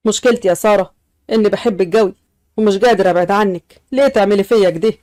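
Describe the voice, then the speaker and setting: A devoted young husband from a household pleads and scolds in rapid bursts, voiced by a woman. His comes through in a dry, close reading. It is a mid-pitched, everyday voice. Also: mellow, no echo, close to an everyday voice. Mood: hurt. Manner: reproachful, earnest. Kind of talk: audio story reading.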